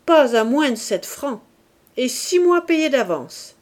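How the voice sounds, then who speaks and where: A woman voicing a greedy innkeeper man who makes curt, loud demands, in a storybook reading. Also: a little high, lively intonation, unhurried. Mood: demanding. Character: greedy innkeeper man, gruff, shouting from afar.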